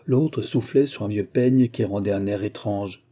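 Male narrator, dark husky low voice, measured literary reading. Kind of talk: scripted audiobook narration.

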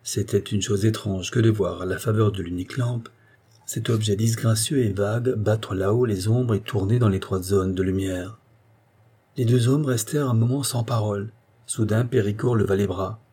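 A male narrator reads a novel aloud in a steady, expressive way. His voice sits low and sounds mellow and dark, with a husky grain. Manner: measured, expressive storytelling. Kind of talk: scripted audiobook narration.

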